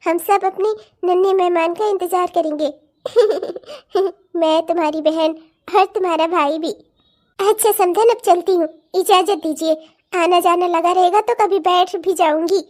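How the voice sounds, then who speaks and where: A woman's voice: very high-pitched, steady tone. A woman voicing a fond, protective middle-aged mother who speaks tenderly to her daughter. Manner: tender, warm-hearted, quick to defend.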